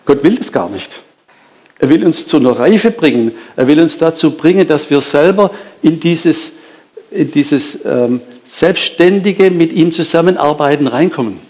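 A man preaching with a slightly high voice. He talks with lively emphasis, stops and restarts his sentences, poses questions and then answers them himself. He speaks straight to the people in front of him. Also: normal speed. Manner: addresses listeners directly. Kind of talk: sermon.

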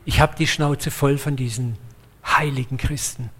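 A man preaching a sermon in a lively, blunt way, acting out the voices of the people he quotes. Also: mid-range voice, unhurried, husky.

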